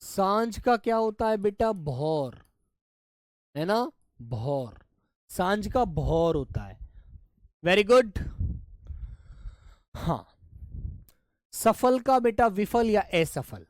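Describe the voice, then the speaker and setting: His delivery is sing-song as he teaches a live online class, going over each word slowly and calling the children "dear." Repeated answers come in a soft, low voice, and the studio-quality audio has no echo.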